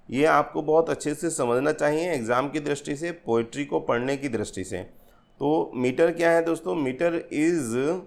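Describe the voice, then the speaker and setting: A man teaching literary terms for an exam, explaining slowly in a mix of Hindi and English and often calling his viewers friends. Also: on the high side, gravelly. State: tired from late nights. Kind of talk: exam-prep literature lesson.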